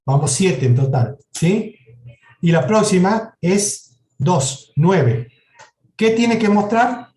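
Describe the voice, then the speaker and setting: In an echoey classroom, a man with a high-pitched, expressive voice and a darkish tone speaks slowly. He is teaching a university programming class through a live lecture and software demo, explaining step by step and checking in with students often.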